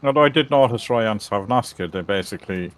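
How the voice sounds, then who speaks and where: Low-voiced man explaining game details. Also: lively intonation, fast, smooth. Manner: explains things at length, chatty. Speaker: co-player. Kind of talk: casual gameplay chat.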